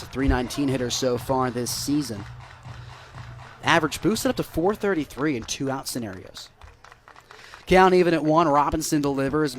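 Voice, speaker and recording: An American man calls a baseball game live on the radio as its play-by-play broadcaster. Between pitches his delivery stays measured, and it rises with excitement whenever there's a play.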